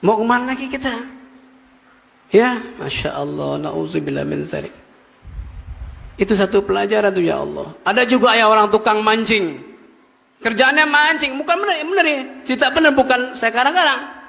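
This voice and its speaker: A man preaching a Friday sermon, telling stories with animated, emphatic rises. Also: sits high, moderate pace, gravelly, pauses often. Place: mosque. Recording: echoey hall.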